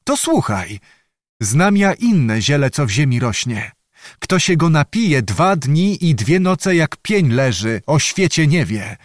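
A man's voice: a little high, big pitch swings, slow, dry recording, studio quality. A man reading an audiobook, voicing a fierce old female Cossack witch who talks harshly and mockingly in a raised voice. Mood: scheming. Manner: harsh, mocking, laughs like a neighing mare. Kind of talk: audiobook character voice.

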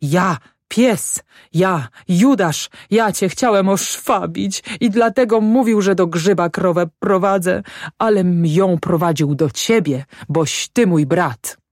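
Woman doing a weepy drunk old village headman, higher, pleading, slow, dry sound. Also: lively intonation, darkish tone, no room sound, exaggerated voice. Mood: sobbing. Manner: tearful, pleading, self-abasing. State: sobbing, drunk.

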